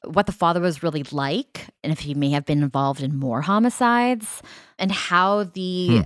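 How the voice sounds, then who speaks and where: A woman's voice: on the low side, moderate pace, dry recording, studio quality. A woman co-hosting a true crime podcast in a conversational style. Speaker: podcast co-host.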